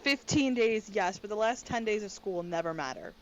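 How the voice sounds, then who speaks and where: A woman co-hosting a casual podcast chat from her bedroom, talking quickly and excitably. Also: medium pitch. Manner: fast, excitable talker. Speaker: podcast co-host. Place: bedroom at home. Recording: dull lo-fi with faint noise.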